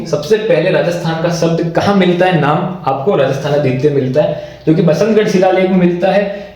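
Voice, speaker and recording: A man gives an exam-prep history lesson and talks in a slightly high voice. He repeats each point and answers his own questions. The recording sounds very echoey, as if made in a bare room. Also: mellow. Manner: repeats points and asks himself questions, often adding "ठीक है". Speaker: teacher.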